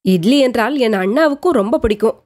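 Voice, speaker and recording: A woman's voice: a little high, lively intonation, fairly quick, darkish tone. A woman voicing a devoted younger sister who asks eager questions.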